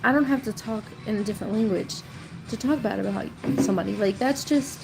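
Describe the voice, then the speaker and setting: A woman's voice: medium pitch, brisk, gravelly, loud music behind the voice, low-quality recording. A woman in her thirties telling rambling, chatty stories about her past on a casual live stream, often breaking into laughs. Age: 30s. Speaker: storytelling creator.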